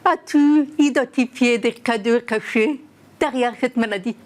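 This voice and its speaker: A woman's voice: fairly high pitch, measured pace. A woman presenting as host and putting prepared questions to her guests. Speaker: interviewer and host. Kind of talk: scripted introduction and interview questions.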